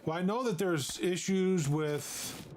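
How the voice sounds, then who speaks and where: A man streaming a baseball game, thinking out loud as he picks stadiums and players. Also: high-pitched, slow pace, soft background music. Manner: musing aloud while picking players. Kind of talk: casual game commentary.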